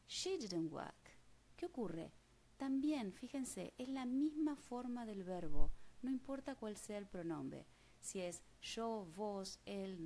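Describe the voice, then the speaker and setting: A woman's voice: mid-range voice, a little mellow, slight background noise. Rioplatense lady teacher walking through grammar rules, patient, keeps going "mm?", mid voice. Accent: Rioplatense Spanish. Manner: patient, checks understanding with frequent "mm?". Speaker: English teacher. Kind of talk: grammar lesson explained step by step.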